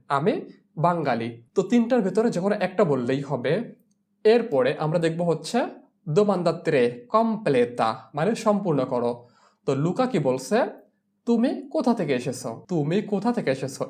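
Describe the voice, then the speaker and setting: A man teaching a language lesson, saying phrases slowly and repeating them before explaining them at a quicker pace. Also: high-pitched, sing-song, a little mellow. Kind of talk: slow spoken lesson with repeated drills.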